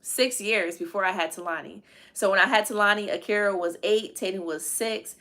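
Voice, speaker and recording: A woman in her thirties chatting casually to viewers on a live stream, animated and acting out her family's lines. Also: medium pitch, a little fast. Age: 30s. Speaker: vlogger.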